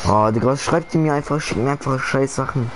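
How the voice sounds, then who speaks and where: A man's voice: mid-range voice, quick pace. A young man, chatting casually and bluntly in street slang while gaming. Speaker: gamer live-streaming. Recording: noisy game-stream headset audio.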